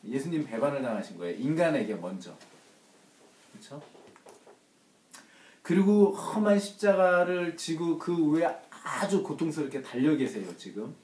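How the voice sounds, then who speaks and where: Man, church Bible study teacher, emphatic, rhetorical questions, mellow tone, roomy distant sound. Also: fairly high pitch, big pitch swings, normal speed, pauses often. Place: church room. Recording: roomy, distant mic, faint noise.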